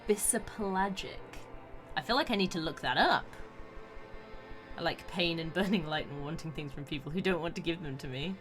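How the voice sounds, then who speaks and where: A woman's voice: sits low, a little fast. A woman streamer giving playful, casual commentary as she plays a video game. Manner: playful, swings from muttering to loud exclamations. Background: music.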